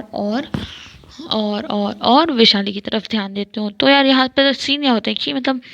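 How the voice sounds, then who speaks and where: A woman's voice: sits high, creaky, fairly bright tone, no room sound. A woman narrating a story in a casual, chatty way, breaking off for teasing asides to her audience, on a dull lo-fi recording.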